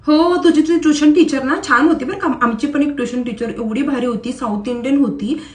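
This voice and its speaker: Young woman comic, high bright voice, boastful tall-tale sketch delivery, echoey room sound. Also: a little fast. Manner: boastful, tall-tale exaggeration with deadpan punchlines. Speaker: comedy creator. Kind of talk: comic bragging sketch monologue. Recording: roomy echo.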